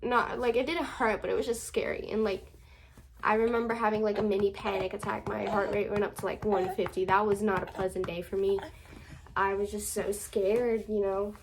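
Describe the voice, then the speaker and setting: A woman's voice: mid-range voice, little pitch movement, moderate pace, slight background noise. A woman vlogger casually recounting a personal story to camera, chatty and full of fillers.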